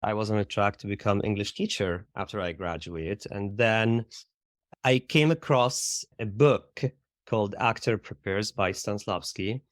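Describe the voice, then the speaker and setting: Here the same middle-aged theater educator from Syria, Syrian Arabic accent and all, talks a little slowly in a fairly low voice. As an interview guest he reflects on his own story, sprinkling in "like" and "right?" often, and the sound is dry and studio-clean.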